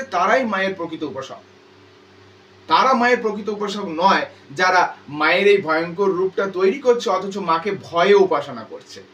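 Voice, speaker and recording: A male teacher explaining a text line by line, reading English lines very slowly, then explaining them, often asking and answering his own questions. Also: high voice, fairly bright tone, distant mic, a little hiss or hum.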